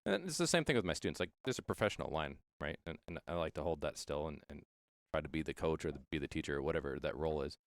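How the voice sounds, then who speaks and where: A man's voice: rumbling low, lively intonation, quick pace, dry recording. A man coaching an esports team, talking earnestly and reflectively in a casual interview, with fillers and restarts.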